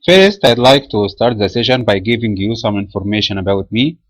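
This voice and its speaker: A man from Egypt, a trading trainer, reading a market commentary webinar from a script in a measured way with small filler pauses. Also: on the low side, no room sound, rough recording.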